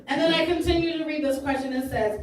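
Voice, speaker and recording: High-voiced woman in her 30s doing stand-up, lively voice, big echoey theater, sounds a bit far off. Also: fairly quick, a loud crowd. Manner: animated, acts out characters with big pitch jumps. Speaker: stand-up comedian. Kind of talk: stand-up comedy set. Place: comedy theater stage. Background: audience laughter.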